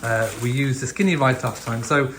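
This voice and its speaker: A man's voice: mid-range voice, moderate pace, noisy background. A young adult man with an English accent, chatting casually in a self-deprecating, rambling way. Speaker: vlogger. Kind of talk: casual chat.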